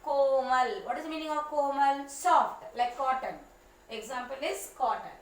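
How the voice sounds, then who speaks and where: A woman's voice: sits high, extremely slow. A female teacher, patiently teaching young children, repeating and spelling words out one by one. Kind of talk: online class lesson. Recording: echoey room, far from mic, faint ambience.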